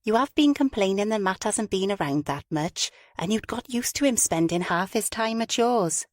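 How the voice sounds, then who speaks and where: A woman's voice: mid-range voice, expressive, normal speed, dry recording, pitched above the performer's own voice, natural voice. A woman narrator puts on a talkative woman friend with a frank, teasing way of talking. The voice sits a little above the narration, close and dry.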